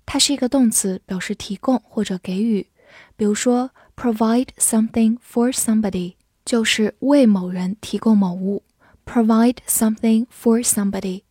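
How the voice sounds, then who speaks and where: Mellow woman teaching English words. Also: on the high side, no echo, studio quality. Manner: spells words letter by letter, reads examples slowly. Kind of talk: vocabulary lesson with slow read-alongs.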